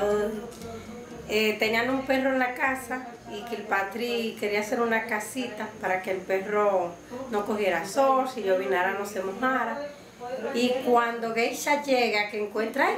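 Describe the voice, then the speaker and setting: A young woman, the contestant's aunt, telling a family story in a lively way in a living room. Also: a little high, reverberant. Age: young adult.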